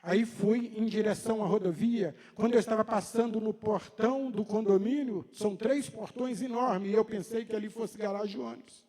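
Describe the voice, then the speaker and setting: A man's voice: sits high, normal speed, hardly any pauses, warm tone, big-room sound. A man preaching a sermon, telling a personal story in a conversational way and acting out the dialogue. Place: church hall.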